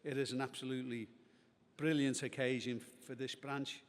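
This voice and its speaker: An older Australian man with a hoarse, fading voice gives a rousing keynote speech as a union speaker. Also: medium pitch, level tone, moderate pace. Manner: rousing, rising to shouted emphasis. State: losing his voice. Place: large convention hall. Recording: reverberant convention hall.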